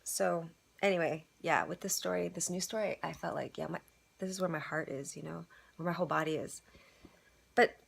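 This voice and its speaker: A woman's voice: low-pitched, fairly quick, gravelly, breathy edge. A woman musing aloud in a casual, rambling monologue, reflecting on a storytelling performance and full of "like" and "you know".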